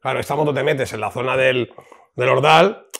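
A man co-hosting a casual chat about motorcycles, animated and prone to repeating words. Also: medium pitch, moderate pace, vocal fry. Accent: Spanish. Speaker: motorcycle shop co-host.

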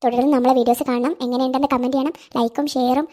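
A woman hosting a channel, giving a chatty, friendly outro with shout-outs. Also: high-pitched, level tone, very fast. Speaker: channel host.

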